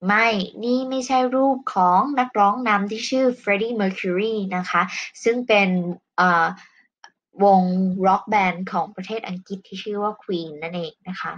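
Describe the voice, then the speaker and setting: A woman's voice: mid-range voice, steady tone, a bit bright, muffled recording. Thai woman teaching English patiently. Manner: patient, explains slowly, ends phrases with polite particles. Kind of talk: online English lesson.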